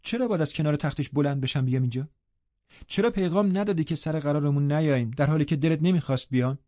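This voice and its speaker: A man's voice: on the high side, mellow, dry recording, lightly acted. A man voicing an impatient, proud young woman who scolds sharply and with scorn. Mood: angry. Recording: dull lo-fi recording.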